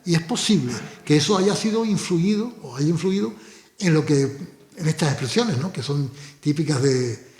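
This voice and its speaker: Canarian man, high voice, echoey hall. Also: lively intonation, normal speed, a little mellow. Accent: Canarian Spanish. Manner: explanatory, with many restarts and asides. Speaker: book author. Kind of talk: book presentation talk. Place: cultural centre hall.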